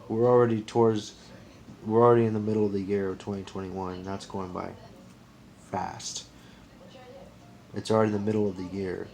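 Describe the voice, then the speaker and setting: A man's voice: on the low side, darkish tone, low-quality recording. Earnest rambling man in his twenties. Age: 20s. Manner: rambling, earnest, restarts and counts aloud. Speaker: vlogger. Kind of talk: casual monologue to camera.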